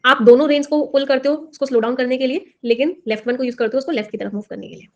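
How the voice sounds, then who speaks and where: A woman's voice: high voice, rapid-fire, darkish tone, lo-fi sound. Quizzing woman teacher. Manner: explains in Hindi mixed with English, quizzing students. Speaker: English teacher for exam prep. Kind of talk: classroom lesson.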